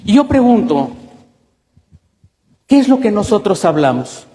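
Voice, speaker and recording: A man's voice: sits high, big pitch swings, measured pace, warm tone. A male pastor with a Mexican accent preaching a sermon, emphatic and full of rhetorical questions, in a church. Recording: echoey church hall.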